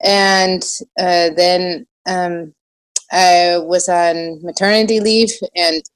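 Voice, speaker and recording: An American woman with a slight German accent, chatting casually and haltingly in an interview, often restarting her sentences. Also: on the low side, steady tone, smooth. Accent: American with a slight German influence. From United States. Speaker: podcast guest, small shop owner.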